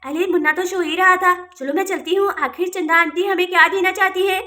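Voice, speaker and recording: A woman's voice: very high voice, steady tone, brisk, bright, forceful tone. A woman voicing an eager, pushy young girl doll in a doll cartoon, talking insistently. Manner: insistent, pleading.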